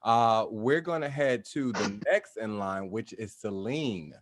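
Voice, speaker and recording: A man's voice: lowish voice, animated, measured pace, dry recording. A man hosting a live talk show, introducing guests in a loose, upbeat way with casual slang. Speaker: host.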